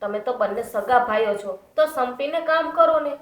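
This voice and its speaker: A woman plays a soothing sister-in-law who urges the brothers to work together, speaking in a high, pleading voice. The sound is roomy and echoes off the walls. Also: moderate pace, a little hiss or hum, lightly acted. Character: sister-in-law, the peacemaking wife. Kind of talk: Gujarati family stage drama.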